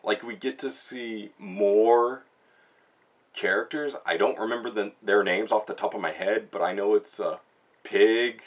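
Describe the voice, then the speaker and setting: This manga reviewer and host talks at a measured pace in a lowish, steady voice. His review is casual and spoken, retelling the story in slangy, informal terms as he recaps the plot.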